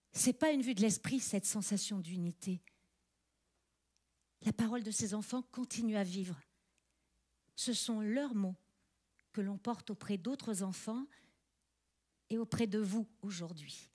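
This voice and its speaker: A woman's voice: medium pitch, a little mellow. Earnest woman speaking on stage. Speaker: stage actress. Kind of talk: theatrical monologue. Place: theatre stage.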